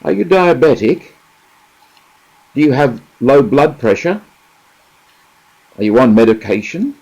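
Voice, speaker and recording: A man voicing a calm middle-aged woman helping a fallen stranger in a story, gentle but firm with her questions. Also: mid-range voice, unhurried, pitched above the performer's own voice, rough recording. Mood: concerned.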